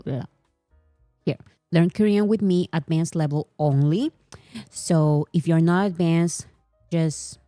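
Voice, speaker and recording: She has a lowish, mellow voice, recorded dry with clean studio sound. A native Spanish speaker, she chats casually to camera as a K-pop fan vlogger, mock-serious and quick to laugh.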